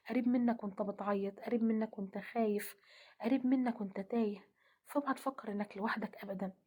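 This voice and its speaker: Fast, husky Egyptian woman preaching softly. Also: on the high side. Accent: Egyptian Arabic. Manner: soft, often half-whispered delivery. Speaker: religious speaker. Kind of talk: gentle devotional talk.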